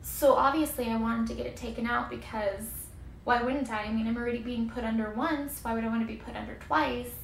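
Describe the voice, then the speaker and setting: A woman in her twenties shares a casual, rambling personal story as a vlogger. Her voice sits a bit high and often drops into creaky fry. She sidetracks herself and leans on exaggeration, recorded in a roomy, echoey space. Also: fairly even intonation, fairly quick, a little hiss or hum. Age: 20s. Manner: chatty, rambling, self-interrupting, given to hyperbole.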